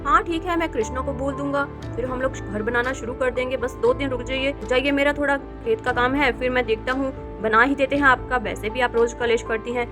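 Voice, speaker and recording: Village farmer man, reasoning and mediating, pitched high; woman plays him in a doll story. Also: fairly even intonation, a little fast, few pauses, over music, natural voice. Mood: firm. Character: village farmer man, calm head of household. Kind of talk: doll video role-play.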